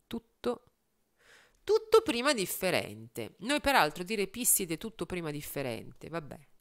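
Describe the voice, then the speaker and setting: A woman singer and video host thinks aloud in casual chat as she strings words into lyrics, muttering lists of words and trying out phrases in a wry, self-mocking way. Her voice sits on the low side, with wildly swooping pitch, an unhurried pace, and a slightly bright tone. A little hiss or hum is audible.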